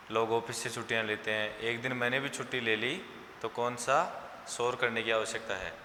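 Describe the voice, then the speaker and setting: A male teacher talks through a class lesson, pacing his explanations and repeating answers for dictation. His voice is very bright and crisp. The room is echoey, with a long reverb tail and a faint hum behind him. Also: medium pitch. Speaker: school teacher.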